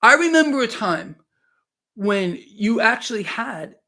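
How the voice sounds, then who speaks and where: A man's voice: sits high, big pitch swings, unhurried, bright, forceful tone. A man in his late fifties hosting a live stream, commenting on markets in a fervent, preachy way, with many restarts and repeats. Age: 50s. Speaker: financial livestream host. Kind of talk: unscripted live-stream commentary, reading chat.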